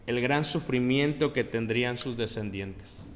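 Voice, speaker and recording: A man's voice: mid-range voice, measured pace, reverberant, long reverb tail, slight background noise. A man preaching a sermon in a conversational way, often asking the congregation questions. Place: church.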